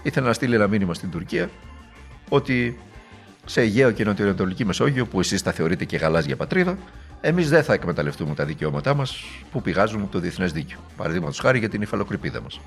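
A man's voice: on the low side, big pitch swings, vocal fry, faint music behind. A man giving a political speech in a sarcastic, rhetorical, mocking manner.

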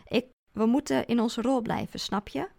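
A hesitant young party performer in costume, uneasy and awkward, as a woman reads her part. The voice sits in a heavy vocal fry with a gravelly edge. Her questions come out a touch higher than the narration. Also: normal speed, darkish tone. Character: hesitant young woman hired to play a princess.

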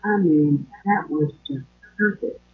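A man's voice: fairly high pitch, slow pace, slightly rough. A man co-hosting a casual podcast chat, chatty, full of you know, often calling the host girl. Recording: phone-like line.

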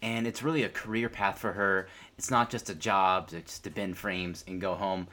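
A man's voice: low voice, fairly even intonation, normal speed, sharp tone. A man hosting a casual interview, chatting easily with his guest. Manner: sings a rap-style intro, then talks conversationally. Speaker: podcast host.

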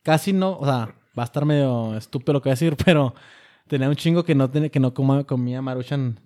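A man's voice: mid-range voice, fast talker, a little mellow. A man telling a casual story, rambling and correcting himself, with lots of slang. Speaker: podcast co-host. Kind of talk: casual chat.

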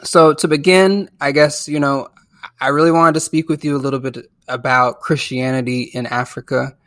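A man's voice: medium pitch, fairly even intonation, moderate pace, a bit bright, no room sound, clean studio sound. A man hosting a podcast interview, asking long and careful questions. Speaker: podcast host.

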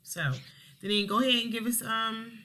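A man's voice: extremely high pitch, normal speed, sharp tone. A man co-hosting a casual podcast chat about songwriting, rambling and encouraging, with frequent restarts. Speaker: podcast co-host.

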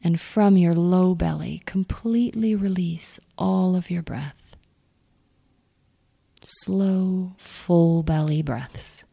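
A woman leading a calm guided grounding exercise, giving gentle, soothing instructions in a soft, near-whispered delivery. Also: on the low side, slow, creaky, husky. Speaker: meditation guide.

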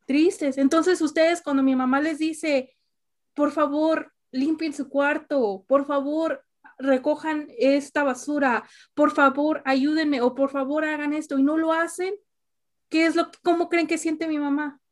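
A young woman hosts a relaxed family chat. Her voice sits high and she tells her stories with animation, asking questions as she goes. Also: a little slow. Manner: animated storyteller, asks questions. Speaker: podcast host.

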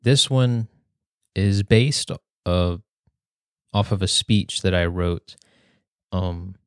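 A young man hosting a podcast, reading a prepared speech in a measured, earnest way. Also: low-pitched, smooth, no echo, clean studio sound. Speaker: podcast host.

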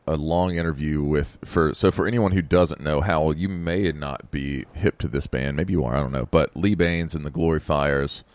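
A man's voice: extremely low pitch, moderate pace, hardly any pauses, no room sound. A man co-hosting a podcast, chatting casually and rambling with lots of fillers and restarts. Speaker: podcast co-host.

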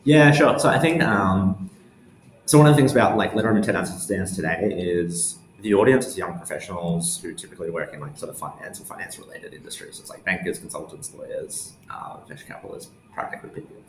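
A young newsletter founder, a casual interview guest with a deep voice, answers questions haltingly, thinking aloud as he goes. The room is echoey, with faint background noise.

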